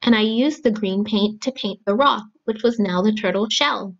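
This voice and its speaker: A young adult woman speaking to children in simple, deliberate phrases, as a storyteller and craft host. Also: medium pitch, vocal fry, highs cut off. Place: small room at home, indoors.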